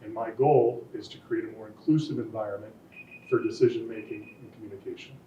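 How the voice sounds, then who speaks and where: A man's voice: fairly low pitch, steady tone, brisk, mellow, a little hiss or hum. A middle-aged man, a school board candidate, answering forum questions in an earnest, folksy way. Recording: echoey room from far off, dull sound.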